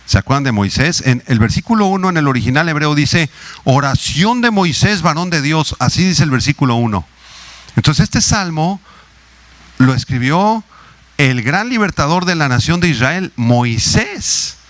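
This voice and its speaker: A male pastor preaching a sermon in a teaching manner, slowing to spell out words and rising in pitch on key phrases. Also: sing-song, dry recording. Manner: teaching, spells out Hebrew words slowly, rises in pitch on emphasis.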